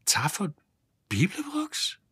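A male narrator voicing a shaken, uneasy male space traveler in an audiobook, husky and hesitant. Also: medium pitch, big pitch swings, moderate pace, sharp tone, no echo, voice pushed up, exaggerated voice. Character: startled male hitchhiker, nervous and shaken. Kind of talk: audiobook character voice.

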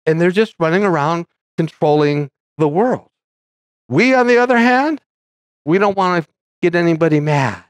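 A man's voice: fairly high pitch, expressive, normal speed, dry recording. Conversational male pastor, dry sound. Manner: conversational, rambling with frequent restarts. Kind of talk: sermon.

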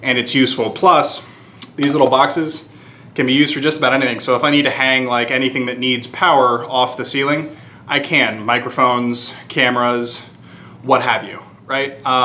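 A man's voice: medium pitch, steady tone, moderate pace, pushed and bright, slight background noise. Upbeat man vlogging in an echoey room. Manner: chatty, upbeat, explains as he works. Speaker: shop owner filming a renovation. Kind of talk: casual how-to vlog. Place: shop workroom with low ceiling, indoors. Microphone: on-camera mic, camera at arm's length or set on a stand. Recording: roomy echo.

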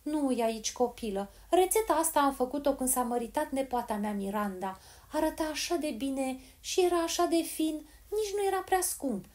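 A woman voicing a kindly, hard-of-hearing old grandmother who talks slowly, loudly and fussily, in a storybook reading. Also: high-pitched, expressive, voice pushed up. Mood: gentle.

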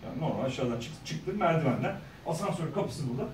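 A middle-aged man speaking as a guest at a school career day, telling stories in a lively way and acting out the people he quotes. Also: on the high side, quick pace, slight background noise. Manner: animated, acts out quoted voices, jokes with the audience. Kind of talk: lively storytelling talk to students. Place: large echoey school hall. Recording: echoey hall, speaker far from mic.

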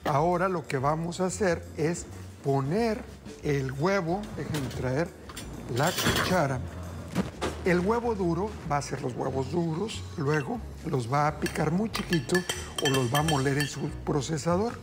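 Fairly high-pitched and expressive, this middle-aged TV chef takes his time guiding viewers, his "family," through a recipe in cheerful, chatty patter. The live demonstration comes from a studio kitchen, with music playing under the voice and a noisy background.

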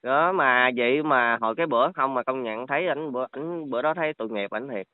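Man, polite and halting, smooth voice over a dry phone line. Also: mid-range voice, no echo. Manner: polite, hesitant, many restarts. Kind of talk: casual phone chat.

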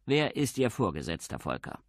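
A man playing a gruff middle-aged police commander, dry and lecturing. Delivery is stern with a lively melody. Recorded dry and close. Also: fairly low pitch, normal speed, dry recording. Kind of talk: audiobook character voice.

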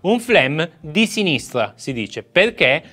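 Man, drum teacher, animated, counts beats and sings out rhythms, bright tense tone. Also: a little high, slow pace, faint music behind. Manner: explains step by step, counts aloud and vocalizes rhythms. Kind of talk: casual video drum lesson.

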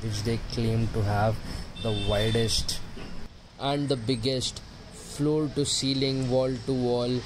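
A man speaks in an excited, emphatic vlog voice-over with a mid-range pitch. A steady hum of air conditioning runs beneath his voice. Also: takes it slowly. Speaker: vlogger.

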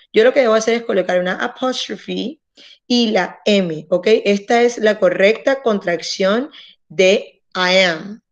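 A woman English teacher running an online class, patiently explaining grammar and slowly modelling pronunciation. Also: medium pitch, lo-fi sound. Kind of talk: online language class, switching between Spanish and English.

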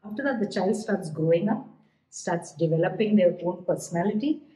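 A woman's voice: on the low side, expressive, brisk, mellow. A middle-aged woman hosting a podcast, chatting casually in a blunt, teasing way and laughing easily. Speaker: podcast host and coach. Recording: roomy, echoey sound.

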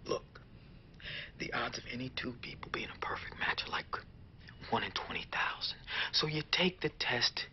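A man's voice: medium pitch, animated, moderate pace, sharp tone, whispered. An actor playing a brother who urgently pleads with his sibling to help their mother. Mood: pleading. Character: pleading brother urging a family duty. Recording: dull lo-fi TV audio with noise.

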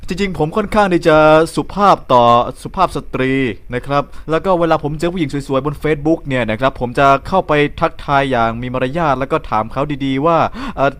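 A young man doing a crude comedy monologue, with mock-polite, deadpan delivery. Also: fairly high pitch, fairly quick, hardly any pauses. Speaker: comedy vlogger.

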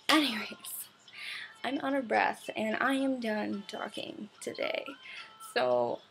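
A woman's voice: fairly high pitch, gravelly. Chatty young woman reviewing makeup. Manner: chatty, many ums and laughs. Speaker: beauty vlogger. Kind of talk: casual product review.

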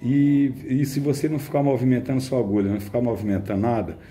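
A man drawing blood from an infant, talking calmly and explaining the technique to viewers. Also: medium pitch, fast. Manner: soothing a crying baby, coaxing and prayerful. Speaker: phlebotomist. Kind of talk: instructional narration while working. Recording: echoey room, loud noise, baby crying. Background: crying baby.

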